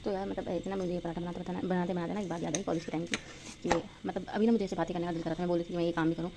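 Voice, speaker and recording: A young woman with a Pakistani Urdu accent chats quickly and loosely, full of fillers, as she cooks breakfast at home. She holds the phone in her hand as she talks. The home recording has a clear layer of background noise under her voice. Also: on the low side, level tone. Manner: rambling, chatty, full of fillers. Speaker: vlogger. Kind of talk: casual chat vlog while cooking. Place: home kitchen, indoors. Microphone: handheld phone.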